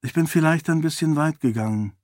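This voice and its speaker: A man's voice: a little high, a little fast, a little mellow, dry recording, voice pushed up, close to an everyday voice. Guy doing a bold young noble lady, voice pushed way up, dry audiobook sound. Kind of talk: audiobook dialogue.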